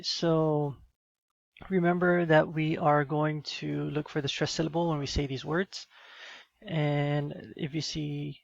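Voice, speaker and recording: A man teaching in a screencast lesson, explaining patiently with many fillers and quick check-ins. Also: on the high side, creaky, no echo, dull audio.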